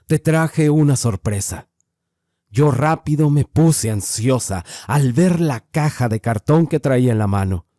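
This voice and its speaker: A man giving a calm, measured scripted horror narration. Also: medium pitch, no room sound, studio quality.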